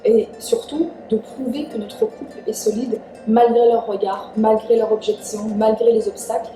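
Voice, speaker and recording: A woman's voice: on the high side, fairly even intonation, moderate pace, mellow. A young woman born in Iran, giving chatty, earnest relationship advice in a casual vlog. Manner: earnest, chatty, frequent "en fait". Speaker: vlogger. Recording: echoey room, distant mic, faint music.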